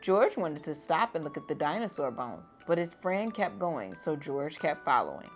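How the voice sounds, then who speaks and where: A teacher reading a children's picture book aloud at bedtime, gentle and expressive. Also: female voice, low-pitched, moderate pace, faint music behind.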